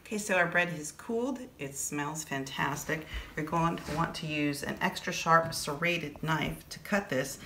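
A woman's voice: low voice, unhurried, few pauses, sharp tone. A middle-aged woman hosting a casual cooking demonstration, chatty and enthusiastic as she tastes the food. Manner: chatty, enthusiastic about food, tasting on camera. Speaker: channel host. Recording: echoey room with faint noise.

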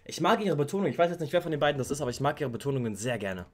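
Animated young man reacting to music. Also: on the high side, racing, very noisy. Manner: excitable, gushing, slangy. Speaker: reaction video host. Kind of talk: casual music reaction commentary. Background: faint hip hop track playing.

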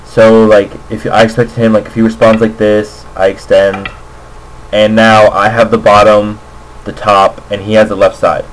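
At normal speed and with little pitch movement, a fairly low male voice works hesitantly through an unscripted game commentary. The speaker, an amateur Go player, records his voice-over indoors at a computer for a screen capture. Poor audio from a makeshift computer mic carries slight background noise.

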